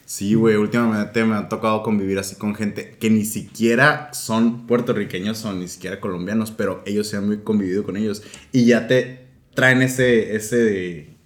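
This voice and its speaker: A man from northern Mexico with a northern Mexican accent, a podcast guest chatting casually in relaxed slang. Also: on the low side, moderate pace, reverberant. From northern Mexico (Sonora). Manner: laid-back, slangy, laughs easily.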